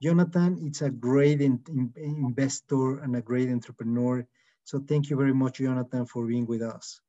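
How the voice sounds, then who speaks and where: A man hosting a podcast, giving a formal, measured introduction and then welcoming his guest. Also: medium pitch, steady tone, warm tone, highs cut off. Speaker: podcast host.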